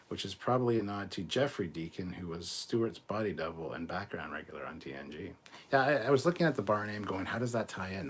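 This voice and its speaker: A man with a slightly husky, fairly low voice, reading chat comments out loud on a live stream. He chats along easily, reacts to each note and lets his sentences trail off softly at the ends. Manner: relaxed and chatty, reads comments aloud, trails off softly. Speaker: host of a live fan show.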